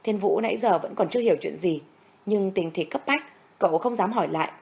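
A woman's voice: medium pitch, a little fast, vocal fry. Woman narrating a dramatic story. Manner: steady, dramatic.

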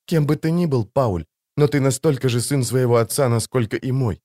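A man voicing a calm, worried mother in an audiobook, speaking softly and soothingly. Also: medium pitch, moderate pace, close to an everyday voice. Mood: gentle, worried. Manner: soft, soothing. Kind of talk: audiobook character voice.

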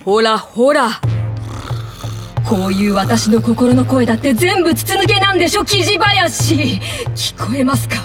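高めの声の強引な女子高生部長. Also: female voice, high voice, unhurried, recorded from a distance, music in the background. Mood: suspicious, insistent. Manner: solemn intoning that breaks into loud, indignant outbursts. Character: bossy, excitable teenage girl club president, obsessed with telepathy. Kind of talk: anime voice acting.

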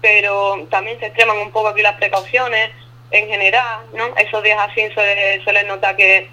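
Over a muffled remote line, an interview guest living outside Spain speaks colloquially in the lisping, letter-dropping Andalusian accent of her hometown, Ubrique. Her medium-pitched voice is bright and forceful but flat in delivery, at a moderate pace, in this casual phone interview.

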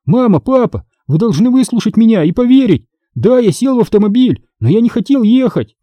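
A man voicing a frightened twelve-year-old boy in an audiobook, pleading and shouting. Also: sits high, big pitch swings, moderate pace, no echo, pitched above the performer's own voice. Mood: desperate.

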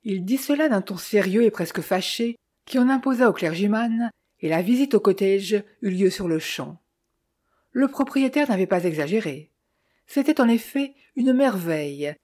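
A woman reading a short story aloud in steady, measured narration. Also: medium pitch. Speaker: audiobook narrator.

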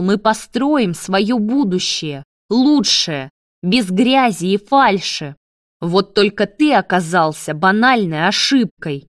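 A woman voicing a jealous, furious man who rages and shouts crude insults at his lover. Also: medium pitch, dry recording, clean studio sound.

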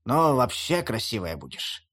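A reader voicing a huge, gruff old wolf who is the narrator's grandfather, growling low and menacing. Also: very animated, unhurried, fairly bright tone, heavily acted.

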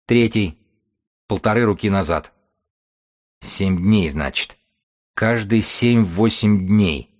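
A man voicing a calm, cold young wanderer who asks short, curt questions. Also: lowish voice, slow pace, pauses often.

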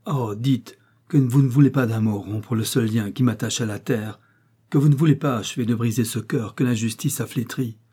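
A man's voice: medium pitch, normal speed, dark tone, breathy edge, natural voice. A man voicing a desperate, lovesick young nobleman, pleading in impassioned, declaimed lines. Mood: anguished.

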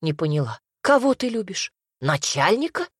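A woman voicing a worried mother who frets and laments softly. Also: lowish voice, very animated, moderate pace, breathy edge, no echo, clean studio sound. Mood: fretful. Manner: fretful, lamenting, hushed.

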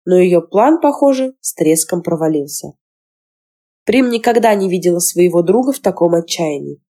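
A woman reading a fantasy novel aloud as scripted narration, in an even, measured delivery. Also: lowish voice. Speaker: audiobook narrator.

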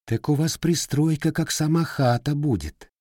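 A man's voice: lowish voice, animated, unhurried, darkish tone, slightly rough, no room sound, studio quality, pitched above the performer's own voice. A man voicing a sly, teasing young Cossack widow in a storybook reading, raising his voice for her. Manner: slightly raised, teasing folk speech.

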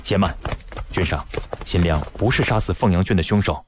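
A man doing a calm, clever official. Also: deep voice, fairly quick, over music, voice pushed down, natural voice.

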